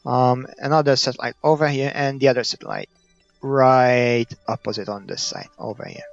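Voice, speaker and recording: A man with a Maltese accent talks through his gameplay without a script, trailing off and searching for words. His voice has a creaky, gravelly edge. The recording is dull and muffled, with light music behind him. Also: a bit bright. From Malta. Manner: hesitant, thinking aloud, trailing off. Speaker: gaming video creator. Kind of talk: unscripted gameplay commentary. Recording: muffled, dull low-fidelity audio.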